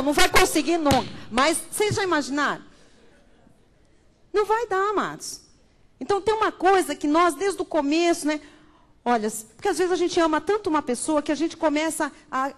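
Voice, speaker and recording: A woman pastor teaching from the pulpit with a bright, high voice. She preaches emphatically and keeps calling her congregation beloved. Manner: emphatic, addresses listeners as beloved. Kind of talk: Bible study sermon.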